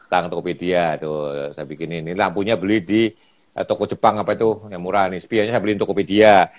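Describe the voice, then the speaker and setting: An older man from Indonesia chatting casually, telling lively stories and often laughing. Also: deep voice, fairly quick, no room sound, dull audio. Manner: animated storyteller, laughs often, acts out quoted voices. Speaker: photographer and guest. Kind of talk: casual storytelling chat.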